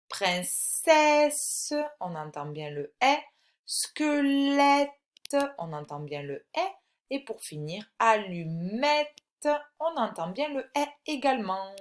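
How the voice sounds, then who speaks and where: A woman teaching a recorded phonics lesson to young children, patient and encouraging, pronouncing each word slowly and clearly. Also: fairly low pitch. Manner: slow, clearly articulated word-by-word dictation. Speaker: primary school teacher.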